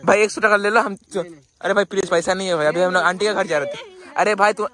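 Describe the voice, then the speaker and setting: Fast-talking bright-voiced young man vlogger. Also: high voice, fairly even intonation. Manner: pleading and flustered, repeating "bhai". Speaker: motovlogger. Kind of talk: casual vlog talk to camera. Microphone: handheld phone camera.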